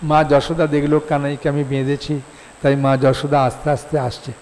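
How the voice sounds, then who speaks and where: A man preaching a devotional sermon, his voice sitting a little higher than most men's. He tells the story with animated storytelling, slipping into voices for each character. A long reverb trails his words around a large hall. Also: normal speed, slight background noise. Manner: animated storyteller, acting out quoted voices with rising pitch.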